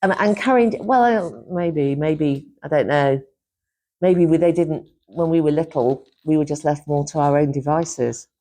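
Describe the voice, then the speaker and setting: A warm, low-sitting voice that moves a little slowly belongs to a middle-aged Yorkshire woman, a former publisher and teacher. She's a guest in a casual interview chat, rambling along with frequent laughs and restarts.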